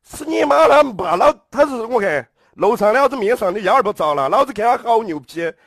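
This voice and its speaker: A man's voice: high-pitched, lively intonation, a little fast, fairly bright tone, no echo, studio quality. A man with a Sichuan accent, talking bluntly and swearing heavily during a casual livestream. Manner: heavy swearing, blunt and combative.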